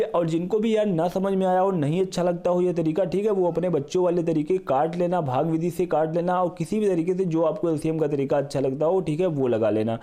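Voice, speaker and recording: A man's voice: on the high side, mellow. Man teaching math step by step. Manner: repetitive, step-by-step explaining, addresses viewers as brother. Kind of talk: exam-prep math lesson.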